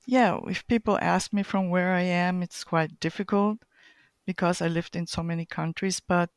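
A woman's voice: fairly low pitch, fairly even intonation, normal speed, smooth, no echo, studio quality. Middle-aged woman from Chile and Colombia. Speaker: guest catechist. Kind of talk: casual interview.

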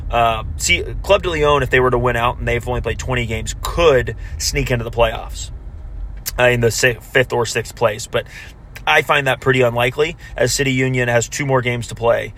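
A man co-hosting a casual soccer recap, correcting himself as he goes, heard on low-quality audio recorded while driving in a car. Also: moderate pace, fairly bright tone, slight background noise. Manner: talks through standings with frequent self-corrections. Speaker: podcast co-host. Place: moving car.

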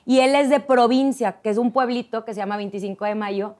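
Woman, 30s, fairly high voice, lively guest storyteller. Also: brisk. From Monterrey, Mexico. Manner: chatty storyteller, acts out quoted voices. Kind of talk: casual chat.

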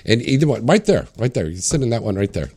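A man's voice: medium pitch, sing-song, quick pace, a little mellow, breathy edge, dry recording. A man hosting a casual talk show, chatting informally with jokes and swearing. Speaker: radio show host.

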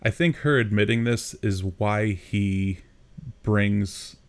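A man co-hosting a podcast chats casually while recapping a film and poking fun at its dated details. His voice is fairly low and steady in tone, and he speaks slowly.

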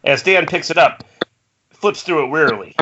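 Narrating a table read, a man with a slightly high voice delivers screenplay stage directions in an animated way at a moderate pace. He's at home on a group internet call, and the recording is muffled and noisy with clicks.

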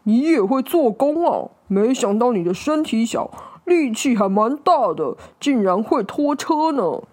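A woman's voice: a little high, big pitch swings, measured pace, darkish tone. A woman voicing a kind, cheerful old man praising a little dog. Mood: delighted.

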